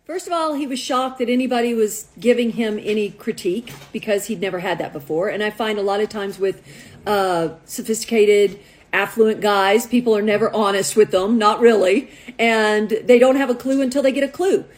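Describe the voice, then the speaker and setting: A middle-aged woman matchmaker telling a story in a casual, chatty and animated way, often laughing. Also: medium pitch, normal speed. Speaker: matchmaker and dating coach.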